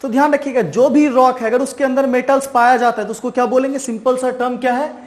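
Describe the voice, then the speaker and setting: High-voiced man teaching with self-posed questions. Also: fairly even intonation. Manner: keeps asking and answering his own questions; repeats key terms slowly, ends points with "right". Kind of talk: chalk-and-talk science lesson.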